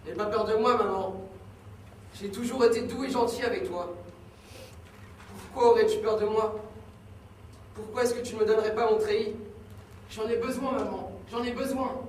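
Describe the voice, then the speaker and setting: A man's voice: high-pitched, steady tone, normal speed, pauses often, natural voice. A man playing a violent young fugitive son. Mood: coaxing. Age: young adult. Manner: shouting threats, then soft and pleading. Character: young man, violent escaped son, menacing then coaxing. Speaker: amateur stage actor. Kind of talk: live stage play. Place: theatre stage. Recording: echoey room from far off, faint noise.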